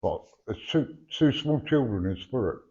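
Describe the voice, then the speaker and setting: A man's voice: medium pitch, lively intonation, moderate pace, a little mellow. A man working as a medium, giving a chatty, blunt reading in conversation, his words slightly slurred from having no teeth. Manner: blunt, chatty, often checking with "yeah?". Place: live event before a sitter. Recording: dull, lo-fi live recording.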